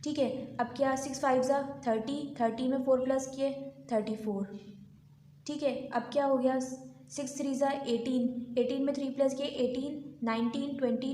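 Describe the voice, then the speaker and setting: High-voiced woman teaching maths, echoey. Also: mellow, slight background noise. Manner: patient, repeats counts aloud, frequent "theek hai". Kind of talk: step-by-step maths lesson.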